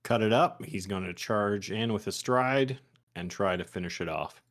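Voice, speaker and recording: A man's voice: on the low side, moderate pace, a bit bright. A man playing a tabletop roleplaying game, casually narrating his character's moves in the third person.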